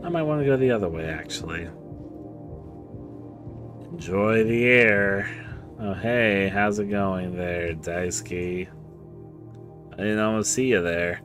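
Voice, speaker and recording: A man with a lowish voice commentates on a horror game at a very unhurried pace. He muses aloud in a playful, theatrical way, drawing out his phrases. Music plays clearly behind him. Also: a bit bright. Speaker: video game streamer.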